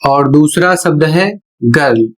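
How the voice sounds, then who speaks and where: A teacher explaining English pronunciation rules one step at a time, in a measured, repetitive way. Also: mid-range voice. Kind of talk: slow explanatory lesson narration.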